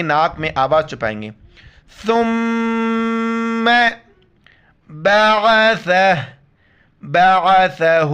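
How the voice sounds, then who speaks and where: A man teaching Quran tajweed, chanting the verse slowly and then rattling off letter-by-letter explanations in speech. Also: sits high, sharp tone, smooth, muffled recording. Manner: slow drawn-out recitation alternating with rapid spelled-out explanation. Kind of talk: Quran recitation lesson.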